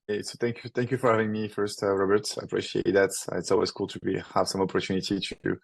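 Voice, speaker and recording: Low-pitched, level, gravelly and slightly rough, this man's voice comes with no room sound. A startup founder from France in his thirties with a thick French accent, he answers interview questions casually and quickly, using many fillers and restarting often.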